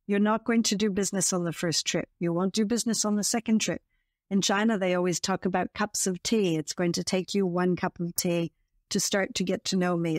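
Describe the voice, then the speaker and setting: A Canadian woman being interviewed, explaining her work in a fluent, measured way. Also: mid-range voice, no echo, clean studio sound. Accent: Canadian English. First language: bilingual English and French. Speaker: guest, marketing consultant. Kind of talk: interview answers.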